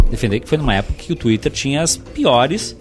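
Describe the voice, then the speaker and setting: A man, co-hosting a podcast, who tells stories and reads texts aloud in a relaxed way. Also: medium pitch, faint music behind. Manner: storytelling, reads out articles, talks slowly at times. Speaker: podcast co-host. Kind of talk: casual group chat, reading aloud.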